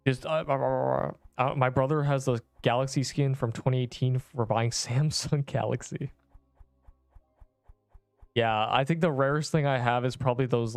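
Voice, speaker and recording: Rambling and interrupting himself, a young man from Canada chats casually during a game live stream, his Canadian accent subtle. He has a medium-pitched, darkish voice that is clear and resonant. There is no room sound.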